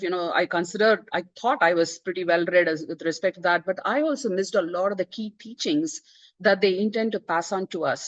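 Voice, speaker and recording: This online book talk features an earnest Indian author, a native Tamil speaker, whose lowish voice is captured in a dull, dry recording. Her delivery is full of "uh" and "you know" fillers, plus restarts.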